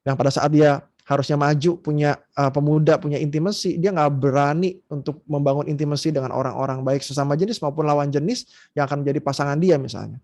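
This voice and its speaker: A man who is a psychologist, giving an online seminar lecture, animated and acting out scolding parents' voices, with many fillers. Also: on the high side, fast. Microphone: video call.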